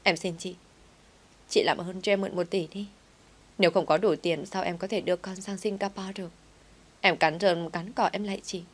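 A desperate young wife pleading over and over, her low voice urgent. A woman reads the part in a spoken story. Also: fairly even intonation, normal speed, natural voice.

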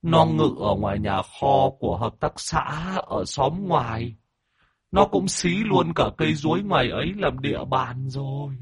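A man doing a raspy pleading ghost. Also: fairly high pitch, animated, a little slow, no room sound, voice pushed up, exaggerated voice. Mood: urgent. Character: ghost of a dead man, grim and urgent. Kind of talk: storytelling.

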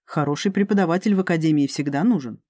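The audiobook narrator voicing a calm, courteous male rector of a magic academy. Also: mid-range voice, quick pace, dry recording, studio quality, natural voice. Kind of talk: audiobook character reading.

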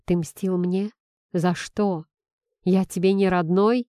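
A woman's voice: lowish voice, fairly even intonation, slow, warm tone, clean tone, no echo, studio quality. Woman reading as a bitter, furious young man. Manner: tense, hissing, bitter. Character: angry young man confronting his father.

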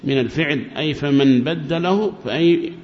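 A man's voice: fairly high pitch, moderate pace. A man teaching a lecture on religious rulings, explaining carefully and repeating key phrases. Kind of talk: classroom lecture on Quranic rulings. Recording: dull, echoey lecture recording.

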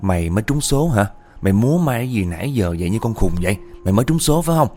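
A man's voice: on the low side, very animated, rapid-fire, soft background music. Man doing a fierce scolding old grandma. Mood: mocking. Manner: sharp, blunt, scolding.

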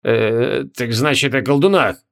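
A man's voice: mid-range voice, measured pace, close to an everyday voice. A man reading an audiobook voices a portly male general who pouts and speaks awkwardly. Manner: sulky, awkward.

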